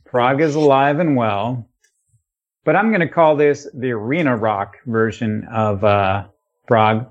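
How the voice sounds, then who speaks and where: A man's voice: mid-range voice, measured pace, highs cut off. A man hosting a podcast in a casual chat, rattling off long lists of albums with fillers and the odd swear word. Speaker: podcast host.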